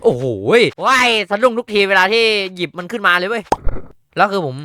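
Jumpy excitable man gaming. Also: sits high, fairly quick. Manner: excitable, jokey, loud exclamations. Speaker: gaming streamer. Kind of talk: horror game let's-play commentary.

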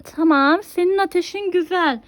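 A woman's voice: extremely high pitch, moderate pace. A mother coaxing her toddler through a pretend doctor game, giving instructions and exclaiming often.

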